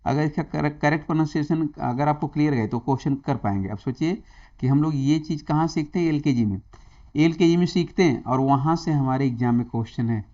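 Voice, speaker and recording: A man's voice: fairly high pitch, fairly quick, mellow, muffled recording. A man with an Indian accent teaching an exam-prep English grammar lesson, switching between Hindi and English and quizzing his viewers.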